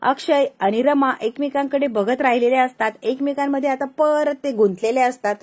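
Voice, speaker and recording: A woman storyteller retelling a TV serial episode in a lively, running narration. Her voice is high and bright in pitch. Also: normal speed.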